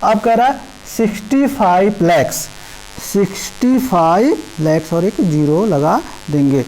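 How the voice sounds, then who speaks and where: A woman teaching a primary school math lesson, explaining place values slowly and repeatedly checking in with the children. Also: mid-range voice, animated, dark tone, a little hiss or hum, rough recording. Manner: slow, repetitive explaining with frequent "ठीक है" checks. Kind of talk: class 5 math lesson in Hindi with English number words.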